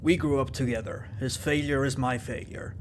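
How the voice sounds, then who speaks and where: A man's voice: mid-range voice, steady tone, moderate pace, a little hiss or hum, close to an everyday voice. A man voicing an earnest, dutiful young initiate warrior who replies formally. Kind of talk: audiobook-style story narration.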